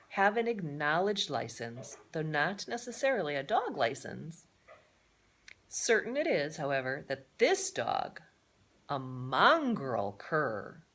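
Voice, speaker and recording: A woman with a mid-range voice reads a children's adventure novel aloud like a storyteller. She's expressive and often adds explanatory asides for her listeners.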